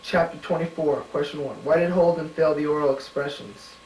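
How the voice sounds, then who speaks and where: Halting man answering homework questions, distant mic. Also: fairly high pitch, fairly even intonation, a little mellow, a little hiss or hum. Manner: halting, filled with "you know" and "um"; thinks aloud while searching the book. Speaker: student answering study questions. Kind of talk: casual spoken homework answers. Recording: roomy home recording from a distant mic.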